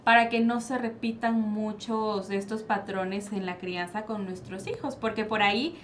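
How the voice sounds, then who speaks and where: With a mid-range voice at normal speed, the panel's child psychologist guest explains parenting styles in her Mexican Spanish accent, posing questions and then answering them. Faint background noise is audible.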